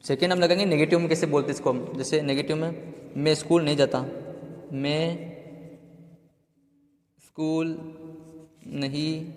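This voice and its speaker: A man's voice: a little high, steady tone, fast talker. A man giving a step-by-step grammar lesson, repeating terms and asking himself questions. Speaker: grammar teacher. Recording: echoey room with long reverb.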